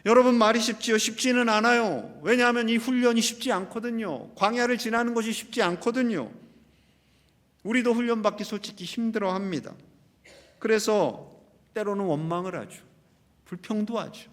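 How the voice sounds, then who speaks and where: A man's voice: sits high, moderate pace, fairly bright tone. A male pastor preaching a sermon, asking rhetorical questions and acting out quotes. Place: church sanctuary. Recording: long church-hall reverb.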